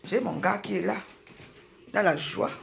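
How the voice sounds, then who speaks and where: A woman's voice: mid-range voice, measured pace, vocal fry, background noise. A woman ranting at home to her viewers, heated and taunting, firing off repeated rhetorical questions. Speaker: social media personality ranting on a live video. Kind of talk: angry direct-to-camera rant.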